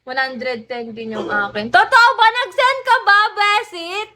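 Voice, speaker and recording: A young woman hosting a casual livestream, teasing a viewer and squealing with excitement as she thanks people for gifts. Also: very high-pitched, a little slow, a little hiss or hum. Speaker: livestream host.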